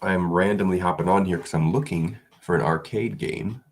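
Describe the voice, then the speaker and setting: Sick and congested, a man with a low voice talks to his viewers in a casual vlog at a moderate pace. His sniffly chat rambles along with frequent restarts and soft chuckles.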